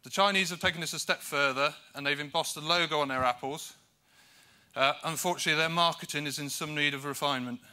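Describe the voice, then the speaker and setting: Speaking quickly in a sharp, higher-than-average voice, a man from the UK presents at a conference. Between points he hesitates with fillers, and his humour is dry and self-deprecating.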